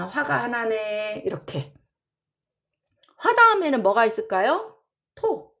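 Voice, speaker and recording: A woman teaching a class in a casual lecture style, drawing out terms and repeating them as she counts and writes. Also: fairly high pitch. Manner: drawn-out, repeats terms while counting and writing. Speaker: saju teacher.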